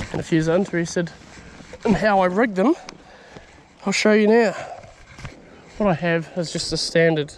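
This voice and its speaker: A young man, chatting casually and explaining his fishing on a riverbank, recorded on a body-worn action camera. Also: a little high. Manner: excitable, slangy, explains as he goes. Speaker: fishing vlogger. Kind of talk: casual outdoor fishing chat. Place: riverbank outdoors. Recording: faint outdoor noise.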